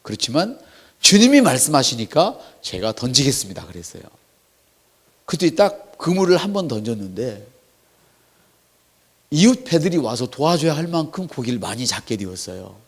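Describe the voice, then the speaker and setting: A man's voice: medium pitch, moderate pace, breathy edge. A man preaching a sermon to his congregation, acting out quoted lines. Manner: animated preaching with acted quotes. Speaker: pastor.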